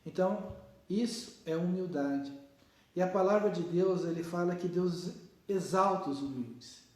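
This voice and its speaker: Echoey distant Brazilian pastor preaching. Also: male voice, a little high, a little mellow. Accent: Brazilian Portuguese. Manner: earnest, plain-spoken preaching with pauses. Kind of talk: sermon. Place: church hall.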